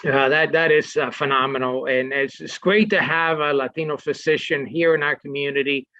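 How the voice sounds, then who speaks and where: A man's voice: fairly high pitch, fairly even intonation, normal speed, sharp tone, dry recording, highs cut off. A man hosting a public affairs show, interviewing his guest with lots of fillers and restarts. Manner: hesitant, many fillers and restarts. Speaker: TV talk show host.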